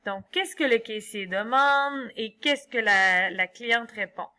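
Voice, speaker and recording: Woman teacher, slow and explanatory, bright and a little high. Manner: slow, explanatory, thinking aloud. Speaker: French teacher. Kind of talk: tutorial walkthrough of an online exercise.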